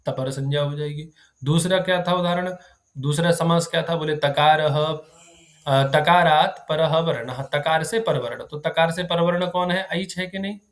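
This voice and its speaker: A man with a slightly high voice teaches Sanskrit grammar in a classroom. He fires questions at his students and keeps asking whether the point is clear. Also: steady tone, normal speed. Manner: keeps checking if students understood. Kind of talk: live classroom lecture.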